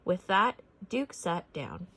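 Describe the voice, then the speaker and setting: Her voice lowish, a woman reads a picture book aloud to children, giving it deliberate, expressive phrasing.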